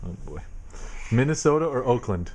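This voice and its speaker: A man's voice: mid-range voice, expressive, moderate pace, darkish tone, a little hiss or hum. A man casually quizzing his young daughter at home, asking questions patiently and teasing her. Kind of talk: casual home video chat.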